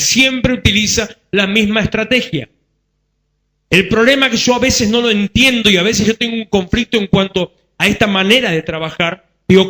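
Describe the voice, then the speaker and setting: High bright-voiced Rioplatense preacher. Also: male voice. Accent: Rioplatense Spanish. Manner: conversational, joking asides to the congregation; repeats phrases for emphasis. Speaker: pastor. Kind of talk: sermon.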